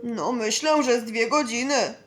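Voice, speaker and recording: A woman voicing a calm, reassuring male hospital doctor who speaks slowly and steadily. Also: a little high, a little hiss or hum, pitched below the performer's own voice. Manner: slow, steady, soothing.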